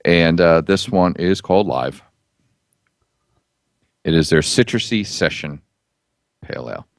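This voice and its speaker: A man with a very deep voice chats casually, rambling and easygoing. His voice sounds dry and close, with no room around it. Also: lively intonation, a little slow, vocal fry, dry recording. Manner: rambling, easygoing, self-deprecating jokes. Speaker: podcast co-host reviewing beer. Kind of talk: casual chat.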